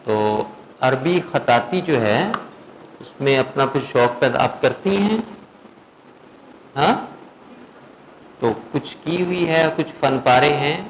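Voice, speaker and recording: A man teaching Quran recitation in a classroom lesson, patiently asking his students whether they follow and slowly drawing out words to demonstrate. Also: mid-range voice, animated, a little hiss or hum, rough recording. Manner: patient, checks understanding with frequent questions.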